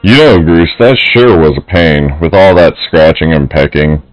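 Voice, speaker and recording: A man's voice: a bass voice, normal speed, faint music behind, low-quality recording. A man voicing a swaggering young male bully who taunts a classmate in a video game. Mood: boastful.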